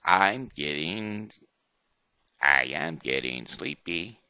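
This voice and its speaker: A drowsy little robot powering down for bed, as a man puts it on while reading a storybook, slow and half-whispered. The voice sits low with a gravelly edge and a bright bite. The recording is dull and lo-fi. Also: animated, no room sound, full character voice. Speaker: storybook reader for kids. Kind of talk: reading a children's picture book aloud.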